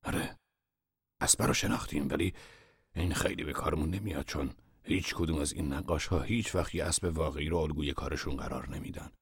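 Man doing a gruff old master painter, very deep voice, husky, scolding, dry close sound. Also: no echo, heavily acted. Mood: lecturing. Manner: gruff, scolding, then lecturing. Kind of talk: audio drama acting.

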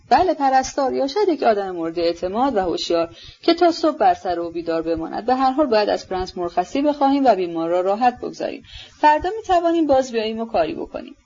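A woman's voice: a little high, a little mellow, voice pushed up. Woman reading a mild, cautious old general. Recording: dull lo-fi recording.

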